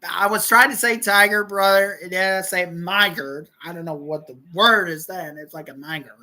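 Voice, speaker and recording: A woman's voice: fairly low pitch, normal speed, sharp tone, poor audio. A woman hosting a livestream, telling a rambling story with lots of repetition and cursing. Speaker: livestream host.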